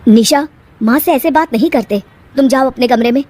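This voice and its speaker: A woman voicing a gentle, patient young husband. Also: high voice, normal speed. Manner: calm, soothing. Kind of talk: cartoon voice acting.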